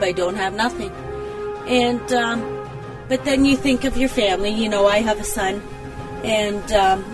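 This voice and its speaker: Female interviewee, personal testimony, halting and plain-spoken, prominent music bed. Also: mid-range voice, low-quality recording. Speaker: former shelter resident, interviewee.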